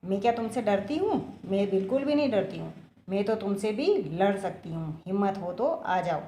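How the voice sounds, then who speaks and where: A woman's voice: mid-range voice, animated, moderate pace, warm tone, a little hiss or hum, natural voice. A woman voicing a small boastful female fly who taunts and defies a lion. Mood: defiant. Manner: defiant, taunting. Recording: echoey room.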